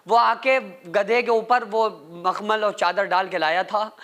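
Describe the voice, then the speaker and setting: High-voiced man preaching a storytelling sermon. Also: fairly even intonation, fairly bright tone. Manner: storytelling, acts out dialogue in quotes. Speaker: Islamic preacher.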